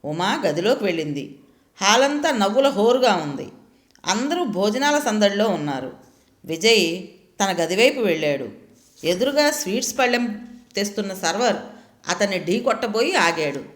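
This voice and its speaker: A woman narrates a story with expressive, lilting reading. Her pitch moves freely up and down. The room around her gives a clear echo. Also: moderate pace, long pauses. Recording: roomy echo.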